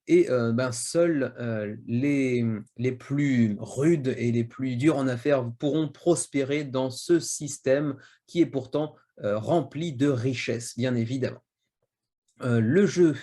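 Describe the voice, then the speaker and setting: A man's voice: medium pitch, unhurried, warm tone. A man hosting a board game channel, talking casually through crowdfunding projects with lots of fillers and restarts. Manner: rambling, full of fillers and restarts. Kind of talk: casual video review narration. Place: home in Japan.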